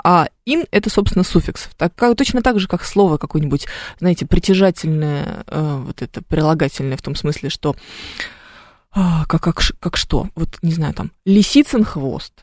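A woman's voice: deep voice, normal speed, a little mellow, no room sound. A woman hosting a live radio call-in show in a studio, chatting and explaining things as she thinks aloud. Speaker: radio host. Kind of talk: live radio call-in chat about language. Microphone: studio mic.

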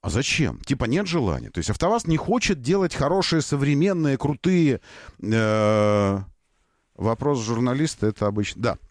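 A man's voice: medium pitch, very animated, normal speed, a little mellow, dry recording, clean studio sound. A man hosting a casual radio talk show, joking and ironic as he chats with his co-host. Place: radio studio.

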